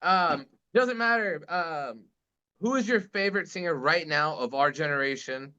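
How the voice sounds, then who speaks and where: A man hosting a casual band interview, chatting excitably in slangy bro talk. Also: a little high, normal speed. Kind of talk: casual chat. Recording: dull lo-fi sound.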